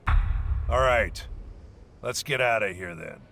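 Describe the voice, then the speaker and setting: Curt, scornful, forceful warrior commander. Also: male voice, fairly low pitch, animated, takes it slowly, creaky, a little hiss or hum, heavily acted. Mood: contemptuous, bitter. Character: hostile, bossy male warrior leading a dangerous scouting mission. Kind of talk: video game dialogue acting.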